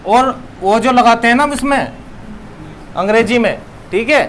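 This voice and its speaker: A man's voice: very high-pitched, unhurried, a bit bright, a little hiss or hum. A young man teaching a classroom lesson, repeating key words and asking questions he then answers himself.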